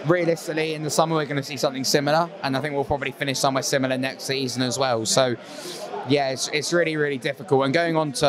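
Man, mid pitch, measured reasoned football talk, handheld mic, crowd murmur behind. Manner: measured, builds long reasoned arguments. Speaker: football pundit guest. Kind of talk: casual football chat. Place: small studio set with a painted wall backdrop.

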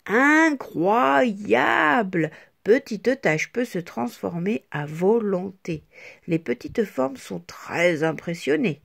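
A woman reading a children's picture book aloud in a slow, expressive way. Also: mid-range voice, creaky, husky. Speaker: storyteller.

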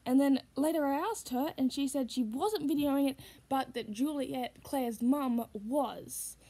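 Speaking a little slowly in a high, mellow voice, a young Australian vlogger and puppeteer talks casually to a close-held device camera in a small room. Her chatter rambles and is full of fillers and laughter.

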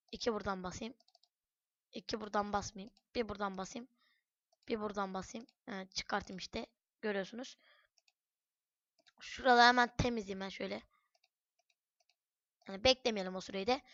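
A woman giving chatty let's-play commentary on a headset mic at home, cursing and breaking into loud shouts. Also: medium pitch, a little fast, long pauses, dry recording, dull audio. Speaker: gaming channel host. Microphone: headset microphone.

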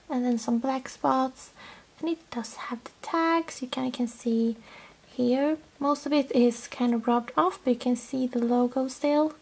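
A woman with a Swedish accent, chatting casually as she shows off her toy collection, often dropping almost to a whisper. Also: high-pitched. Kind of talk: casual show-and-tell vlog.

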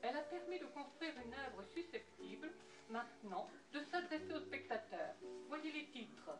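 A woman giving a measured, poetic scripted narration about an art exhibition. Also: high voice, lively intonation. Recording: roomy, distant voice with music underneath.

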